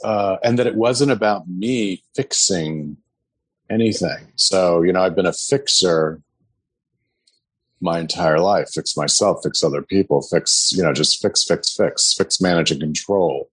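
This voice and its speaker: A man's voice: sits low, a little slow, a bit bright, slightly rough, dry recording. A man giving an earnest, hesitant personal testimony to his meditation group. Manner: earnest, hesitant, full of fillers. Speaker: sangha member giving testimony.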